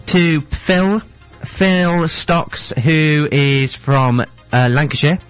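A man's voice: fairly high pitch, very slow, clear, resonant tone, faint music behind. A young man presenting a radio show in a casual, chatty style as co-host.

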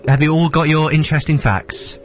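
A man with a slightly high voice presents a radio show. He is chatty and enthusiastic, with music playing behind him. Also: flat delivery, fairly quick.

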